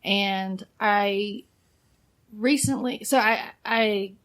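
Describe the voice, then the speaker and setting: Podcast guest, woman in her thirties, talkative and giggly, unhurried everyday delivery. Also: mid-range voice, fairly bright tone. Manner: chatty, fillers of "like", frequent laughter. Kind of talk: casual chat.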